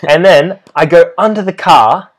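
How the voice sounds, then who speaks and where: A man's voice: on the high side, moderate pace. Young Australian man telling a story. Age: young adult. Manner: animated storytelling, acts out quotes. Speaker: podcast co-host. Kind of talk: casual chat.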